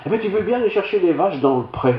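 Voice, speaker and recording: A man's voice: high voice, animated, fast talker, a little hiss or hum, pitched above the performer's own voice. An older man with a Belgian French accent voicing a kindly, frail old farm woman in a sermon story, coaxing and reassuring. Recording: roomy, slightly dull church recording.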